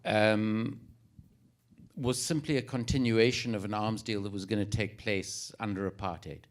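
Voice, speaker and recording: A South African man answering as a panelist, measured and explanatory with a wry touch. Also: on the low side, steady tone.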